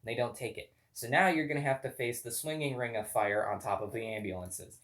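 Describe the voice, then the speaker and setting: A man giving playful, excitable commentary on toy car races, with loud countdowns. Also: medium pitch, brisk. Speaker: race commentator.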